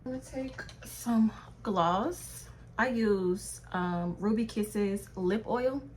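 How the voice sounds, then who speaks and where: A woman's voice: medium pitch, a little mellow, slight background noise. A young woman beauty vlogger chatting casually through a makeup tutorial, talking straight to her viewers. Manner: chatty, addresses viewers as y'all, drawn-out pace.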